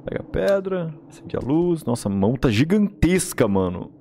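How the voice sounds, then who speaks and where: A man's voice: a little high, very animated, moderate pace, dark tone, a little hiss or hum. A man with a Brazilian accent giving casual, slangy let's-play commentary as a gaming host, reacting and swearing as he goes.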